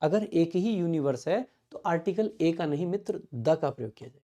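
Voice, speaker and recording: A man teaching English grammar in an online exam-prep lesson. He reads the example sentences slowly, word by word, and keeps asking his students quick check questions. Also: on the high side, animated, dark tone.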